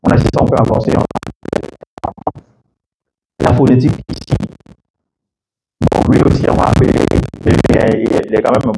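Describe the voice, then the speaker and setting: A man teaching English to a class of students, lively and full of questions to the room, laughing often. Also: mid-range voice, normal speed, pauses often. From Ivory Coast. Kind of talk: classroom masterclass. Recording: echoey room with faint background noise.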